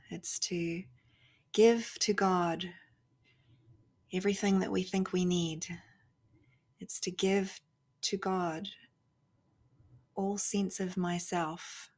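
A woman guides a spiritual meditation in a soft, reflective voice on the low side and husky, using short phrases and long pauses. She often fades almost to a whisper.

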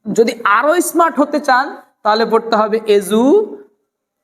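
A woman teaching an English pronunciation class, fairly high-voiced. She stretches each word slowly, repeats it and quizzes the viewer. The sound carries a long echoing reverb. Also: a bit bright. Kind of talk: spoken English lesson.

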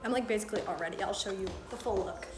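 A young American woman with a bubbly, excitable sorority-girl manner, chatting casually into a handheld phone for a vlog. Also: medium pitch, very fast. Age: young adult. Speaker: student vlogger, sorority member. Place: dorm rooms, outdoors on campus. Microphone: handheld phone at arm's length. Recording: loud music and crowd, handheld phone.

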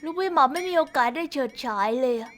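A woman voicing a goofy, clumsy young husky dog who chirps and whines through playful gaming commentary. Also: fast, noisy background, close to an everyday voice. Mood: whiny. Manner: high chirpy whine, sing-song teasing chants. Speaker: co-host. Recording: faint background game music.

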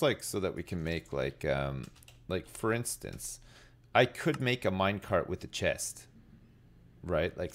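Low-voiced, laid-back man streaming a game. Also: slight background noise. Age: middle-aged. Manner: rambling, laid-back, sweary. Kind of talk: casual live gaming commentary, chatting with viewers. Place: indoors at a desk, streaming.

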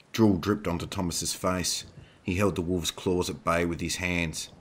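A man narrating a werewolf horror story in a steady, scripted reading. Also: low voice, slightly rough.

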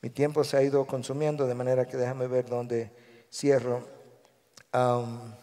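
A male pastor with a Guatemalan Spanish accent preaching a sermon in a large church, animated, acting out the voices he quotes. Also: mid-range voice, measured pace. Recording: long echo of a large church hall.

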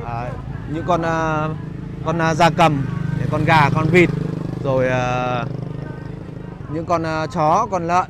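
Higher-voiced man narrating a market walk. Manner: hesitant phrasing with frequent filler pauses. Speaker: market vlogger and guide. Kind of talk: casual walking vlog narration to viewers. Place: outdoors in a busy rural street market. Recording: noisy outdoor market street ambience. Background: market bustle and vehicles.

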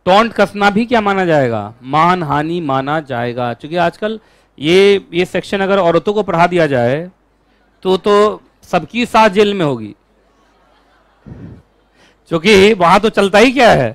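A man teaching a law class, lecturing in an animated way and asking his students questions all the time. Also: sits high, a little slow, pauses often, dry recording.

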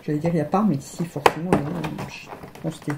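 A woman's voice: deep voice, steady tone, a little fast, heavy background noise. A woman vlogger chatting casually while unboxing, often stumbling and repeating words. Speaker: beauty vlogger. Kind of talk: casual chat unboxing advent calendars.

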